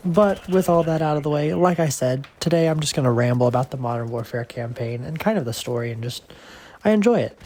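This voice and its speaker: A man's voice: medium pitch, fast talker, few pauses, a little mellow. A man hosting a gaming channel, rambling casually over gameplay footage, his voice nasal from allergies. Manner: chatty, rambling, self-deprecating.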